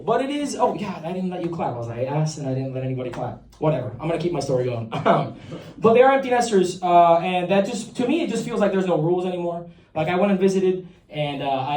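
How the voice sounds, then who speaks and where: A young man from Puerto Rico performing a stand-up set on a comedy club stage, chatty and self-deprecating and ribbing the crowd. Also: a little high. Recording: roomy club recording from a distance with a loud crowd.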